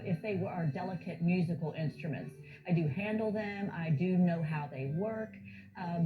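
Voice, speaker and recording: A woman speaking as a museum curator in an informal documentary interview, explaining in a measured way. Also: on the low side. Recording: thin phone-like audio under music. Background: background music.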